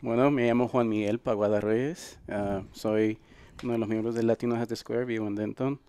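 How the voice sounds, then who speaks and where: A man's voice: lowish voice, fairly even intonation, fast talker, warm tone, clean tone. A man from Honduras, a podcast member, introducing himself as a guest on a radio show, brief and friendly. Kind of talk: casual radio interview.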